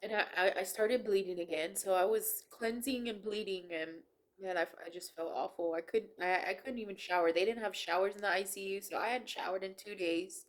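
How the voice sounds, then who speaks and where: A woman's voice: medium pitch, fairly even intonation, fairly quick. A woman sharing a personal faith testimony, telling it earnestly and emotionally, often restarting her sentences.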